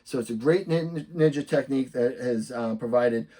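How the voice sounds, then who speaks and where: A man's voice: mid-range voice, moderate pace, mellow, slightly rough. A man with a Boston accent coaching real estate sellers' agents, talking emphatically and acting out upbeat sample messages. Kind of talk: instructional talk to camera.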